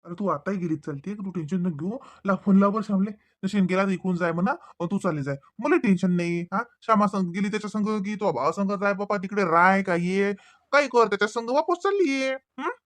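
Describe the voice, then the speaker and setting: A man's voice: sits high, brisk, fairly bright tone. Man voicing a mild, placating village husband. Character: easygoing village husband, penny-pinching farmer.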